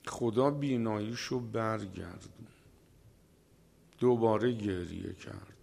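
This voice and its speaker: Man, preacher, sermon, gravelly, creaky voice, slow emphatic storytelling, dramatic pauses. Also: on the low side, a little mellow.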